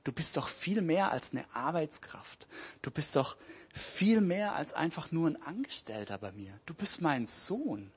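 A man voicing a calm, loving older father who speaks gently and quietly to his son. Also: fairly high pitch, a little slow, breathy edge, exaggerated voice. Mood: calm tender.

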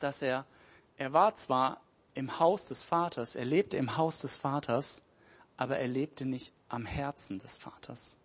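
Husky-voiced man telling a sermon story. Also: fairly high pitch. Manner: animated storytelling, shifting between loud and hushed. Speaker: preacher. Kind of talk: sermon retelling a parable.

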